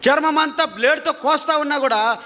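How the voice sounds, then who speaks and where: A man preaching his testimony as a story, animated, his pitch climbing at tense moments, repeating phrases for emphasis. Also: a little fast.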